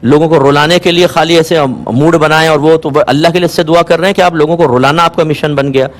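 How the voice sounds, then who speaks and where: A man answering viewers' religious questions on a call-in show, calm and explanatory, asking listeners to check they follow. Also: on the high side. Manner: calm, explanatory, patient advice; asks rhetorical checks, occasionally amused.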